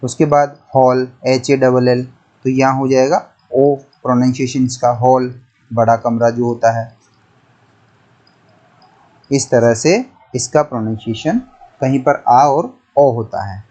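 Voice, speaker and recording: Slow, methodical man teaching grammar. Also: mid-range voice, fairly even intonation, darkish tone, lo-fi sound. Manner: slow, methodical, repeats words and spells them letter by letter. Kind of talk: classroom-style lesson explaining pronunciation.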